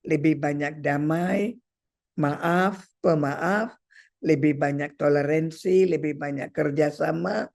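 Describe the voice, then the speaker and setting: A spiritual teacher giving a talk to an audience, measured and deliberate, counting points off one by one with pauses and repetition. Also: medium pitch, darkish tone.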